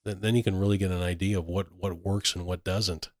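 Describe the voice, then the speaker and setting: A man chats through tech news as a podcast host, full of fillers and restarts. His voice sits very low. The sound is dry and close. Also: flat delivery, brisk, darkish tone, no echo. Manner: chatty, many fillers and restarts. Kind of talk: casual tech chat.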